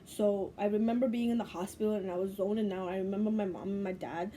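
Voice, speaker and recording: Mellow-voiced woman telling a story, casual. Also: mid-range voice, fairly even intonation, quick pace, slight background noise. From Bangladesh. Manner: loose, profane, laughs often. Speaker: spiritual teacher.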